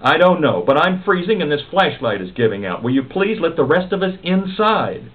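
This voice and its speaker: A man's voice: a little high, very animated, normal speed, distant mic, pitched above the performer's own voice. Guy doing a no-nonsense old lady bossing everyone, tinny. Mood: bossy. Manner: commanding, takes charge. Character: bossy practical old woman. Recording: narrow phone-like sound.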